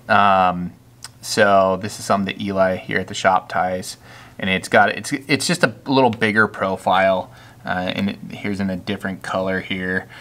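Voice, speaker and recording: A man working as a fly shop guide, talking through flies in a relaxed, chatty way with lots of fillers and restarts, recorded indoors at a table. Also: lowish voice. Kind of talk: casual product walkthrough.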